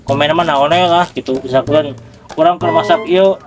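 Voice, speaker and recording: Man, higher voice, casual vlog host, playful, repetitive, music clearly behind. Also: moderate pace. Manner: playful, repeats himself, stumbles over words. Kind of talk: casual outdoor cooking vlog chat.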